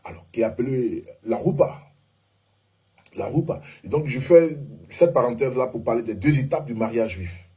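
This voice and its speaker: A man's voice: mid-range voice, lively intonation, moderate pace, mellow, slightly rough. A man giving an informal Bible and Hebrew lesson over slides, who often hesitates and keeps checking in with his listeners. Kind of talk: informal teaching talk with slides.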